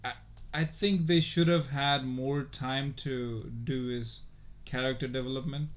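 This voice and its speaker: A man co-hosts a casual podcast in a medium-pitched voice, fairly even in intonation and measured in pace. He rambles freely, cursing often and filling space with "like" and "you know".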